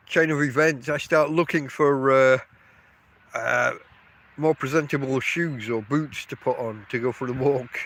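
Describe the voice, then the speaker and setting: A middle-aged man with a stuffy nose, congested from a cold, hosts a rambling solo podcast outdoors next to his tent at a field campsite. He's chatty and keeps interrupting himself, in a medium-pitched, fairly bright voice.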